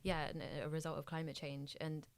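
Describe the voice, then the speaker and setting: Young woman from bangladesh hosting a podcast, really low voice, thinks out loud. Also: little pitch movement, brisk. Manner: thoughtful, reflective, searching for words. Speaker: podcast co-host. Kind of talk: casual podcast conversation.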